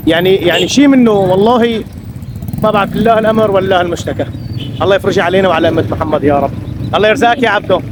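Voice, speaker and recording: Syrian arabic guy doing a street vlog, talks really fast and chatty, traffic noise around him. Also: sits high. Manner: chatty, addresses viewers as brothers. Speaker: vlogger interviewing locals. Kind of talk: casual street vlog chat. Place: outdoors on a town street.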